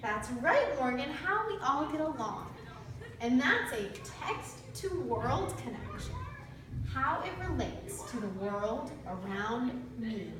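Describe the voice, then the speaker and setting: Her voice sits high and is very animated, and she speaks at a slow pace. She's a student teacher leading a read-aloud lesson for young children, giving simple directions and asking them questions. The audio comes from a distant mic in a heavily echoing room with a little background noise.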